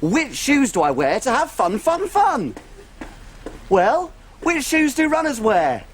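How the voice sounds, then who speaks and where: A man's voice: extremely high pitch, wildly swooping pitch, slow, slight background noise, heavily acted. A man playing a tiny, cheerful, eager little cook in a children's show, with an exaggerated, enthusiastic sing-song delivery. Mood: bright, playful. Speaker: children's TV presenter. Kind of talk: playful children's show presenting and storytelling.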